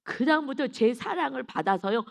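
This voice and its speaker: During a dawn sermon, a middle-aged woman shares a heartfelt personal testimony, frequently speaking straight to the congregation. She sounds animated and brisk, with a high-pitched voice and vocal fry, and her storytelling is earnest and emotional.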